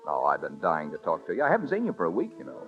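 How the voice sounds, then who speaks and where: A man's voice: deep voice, huge pitch swings, very fast, heavily acted. An actor playing an eager, boyish young man with breezy slangy talk, in vintage radio drama style, on a dull old broadcast recording with faint music. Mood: excited. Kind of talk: 1930s radio drama acting.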